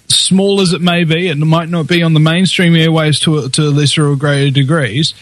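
A man with a broad New Zealand accent chats casually and gives his opinions freely. His voice sits a little high and is recorded very dry. He has a sarcastic streak and slips into imagined dialogue. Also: no room sound, poor audio.

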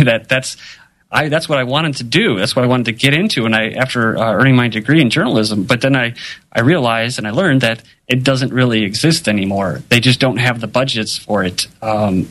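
A man's voice: medium pitch, fairly bright tone, poor audio. A man giving casual conversational commentary as a journalist, in a rambling way peppered with filler phrases.

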